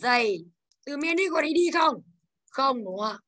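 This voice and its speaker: High bright woman teacher, drills the class with questions. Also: lively intonation, a little slow. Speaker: English teacher.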